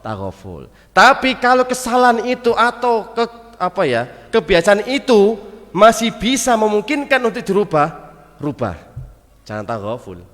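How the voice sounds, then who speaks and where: A male preacher with a Javanese accent gives a relaxed study talk in a mosque, his fairly high voice rising and falling with lively range. He slips in Arabic terms and plays out small dialogues. A long reverb from the mosque hall trails each phrase. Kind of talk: casual sermon.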